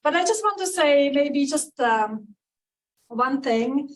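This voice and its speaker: Woman speaking from afar, slightly high. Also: expressive, slow pace. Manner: hesitant, many fillers. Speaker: project researcher presenting. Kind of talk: event presentation speech. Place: event room. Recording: distant mic with faint room noise.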